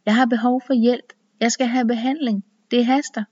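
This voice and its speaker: A woman voicing a tipsy, giggly woman in a shark costume, talking high and excited. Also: lo-fi sound, lightly acted.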